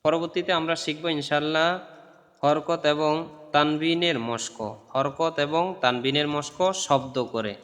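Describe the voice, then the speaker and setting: A man's voice: a little high, steady tone, normal speed, a bit bright. A man teaching Quran reading, patiently drilling syllables one at a time and correcting pronunciation as he goes. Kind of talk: recorded spelling-drill lesson. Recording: long reverb.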